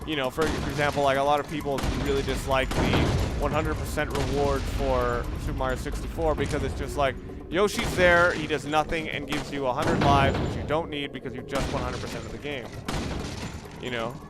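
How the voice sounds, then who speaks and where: Over loud video game music and gunshots, a let's play commentator rambles off the cuff, often restarting his sentences partway through. His mid-range voice is steady in tone and a little fast.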